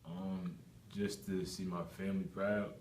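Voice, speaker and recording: A man's voice: low voice, flat delivery, a little slow, a little mellow. A young adult man giving casual interview answers as a student athlete. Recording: echoey room with faint background noise.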